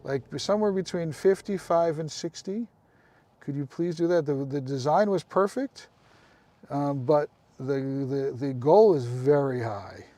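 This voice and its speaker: A man's voice: on the high side, measured pace, warm tone, no room sound. A man hosting a casual live stream, chatting with viewers, calling them by name and making apologetic asides.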